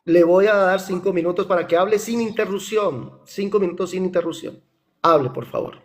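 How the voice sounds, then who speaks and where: A man's voice: high-pitched, brisk. A man in a heated religious debate who quotes scripture, repeats his points and accuses the other side. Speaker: debater challenging a pastor.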